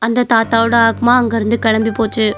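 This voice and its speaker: Rapid, flat-voiced woman narrator. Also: fairly high pitch, faint music behind. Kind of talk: storybook narration.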